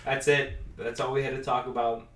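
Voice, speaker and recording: A man's voice: medium pitch, level tone, brisk. A young man hosting a casual podcast, joking and teasing his friends and laughing often. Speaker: podcast host. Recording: echoey room with crowd noise.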